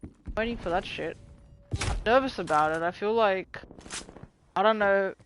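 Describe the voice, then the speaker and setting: At a moderate pace and medium pitch, a tired streamer chats loosely while gaming on a live stream, mumbling and wandering off topic with frequent cursing. There's background noise, including gunfire from the game behind the voice.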